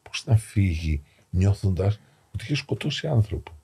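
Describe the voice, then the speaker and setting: A middle-aged man, an Orthodox priest, telling a moving story as a guest on a podcast, acting out the dialogue and sinking to hushed tones. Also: low voice, very animated, breathy edge. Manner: acts out dialogue in shifting voices, drops to hushed tones. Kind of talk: emotional storytelling in a podcast interview. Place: podcast studio, seated on a sofa.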